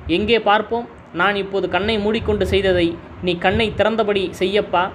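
A man voicing a sly scheming man who calmly taunts a simpleton in a read-aloud story. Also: sits high, moderate pace, slight background noise, natural voice. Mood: taunting.

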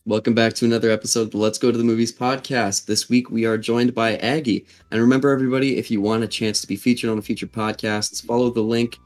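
A man's voice: medium pitch, level tone, fast talker, hardly any pauses. A man hosting a podcast in a casual, conversational style. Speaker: podcast host. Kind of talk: casual chat.

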